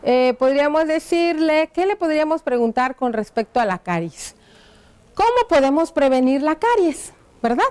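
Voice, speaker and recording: A woman teaching a primary school lesson on television, dictating slowly as she writes on a board and checking in with the children through frequent tag questions. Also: sits high. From Mexico. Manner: slow, careful dictation while writing on a board.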